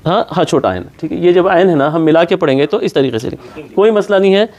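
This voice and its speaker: Patient male recitation teacher, slightly high. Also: expressive, a little mellow. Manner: patient, repeats sounds to demonstrate. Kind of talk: classroom teaching on pronunciation. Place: classroom.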